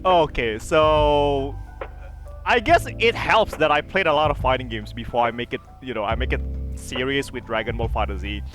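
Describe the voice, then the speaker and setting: A man's voice: mid-range voice, fairly bright tone. A man guesting on a podcast, chatting casually, laughing often and swearing freely, with lots of restarts as he tells his stories. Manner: stumbles and restarts when telling stories. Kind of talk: casual chat.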